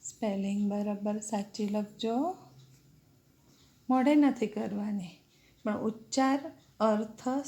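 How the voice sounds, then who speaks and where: A woman teacher slowly dictating an English vocabulary lesson to children, spelling words out letter by letter. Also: fairly high pitch, mellow.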